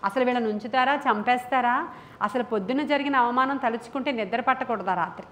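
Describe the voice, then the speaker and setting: A woman's voice: fairly high pitch, quick pace, a bit bright, slight background noise. A woman pastor preaching to a congregation in a church, impassioned and emphatic, full of rhetorical questions and repeated phrases. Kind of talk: sermon.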